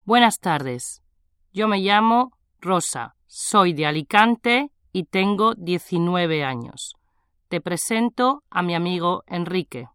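A woman's voice: on the low side, animated, slow pace, fairly bright tone, clear, resonant tone, dry recording, studio quality. A woman playing a cheerful nineteen-year-old in a scripted language-exam dialogue, carefully enunciating. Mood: friendly.

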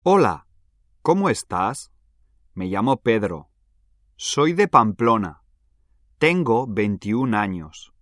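Friendly young guy, scripted exam dialogue, careful, slow, lively tone. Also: on the low side, dry recording, full character voice. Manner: clear, careful delivery, numbers read slowly. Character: young man Pedro, 21, cheerful and friendly. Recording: dry studio recording.

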